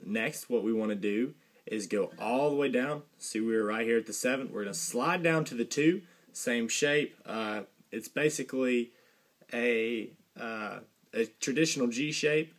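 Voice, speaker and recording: A young man giving a casual guitar lesson, relaxed and rambling, with fillers and a dry joke now and then. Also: mid-range voice, measured pace. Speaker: guitar teacher. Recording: guitar playing behind the voice.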